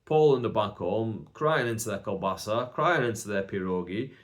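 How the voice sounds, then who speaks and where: A young stand-up comedian from Bolton, England, rambles through a casual, self-mocking solo podcast in his Northern English accent, using lots of "like" fillers. His lowish voice is animated and moves at a normal speed.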